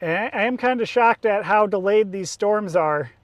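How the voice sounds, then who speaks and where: A man's voice: high voice, moderate pace, dry recording. An American man giving casual live commentary as a storm chaser, thinking aloud while driving. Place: inside a moving car.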